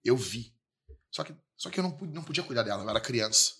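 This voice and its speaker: Fast-talking pastor. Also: male voice, medium pitch, heavy background noise. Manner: animated storyteller, repeats lines for emphasis. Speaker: pastor, podcast co-host. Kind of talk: casual podcast chat.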